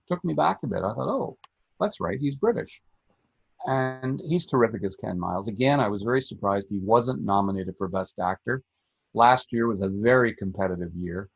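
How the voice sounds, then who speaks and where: Gravelly low-voiced middle-aged man. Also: no room sound. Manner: measured, reflective storytelling. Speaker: podcast co-host, film critic. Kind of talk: casual film talk. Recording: dull lo-fi sound.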